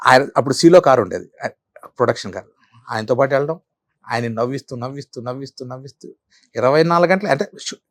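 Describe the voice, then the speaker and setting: A middle-aged man and comedian, telling animated stories in an interview, repeating phrases for effect. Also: medium pitch, fast, no room sound. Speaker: comedian guest. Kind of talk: storytelling interview.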